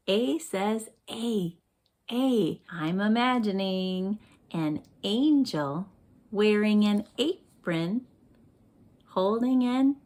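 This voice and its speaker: A woman teacher speaking gently and in a sing-song way to young children during a lesson. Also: mid-range voice. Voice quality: slow, gentle and sing-song, addressing kids.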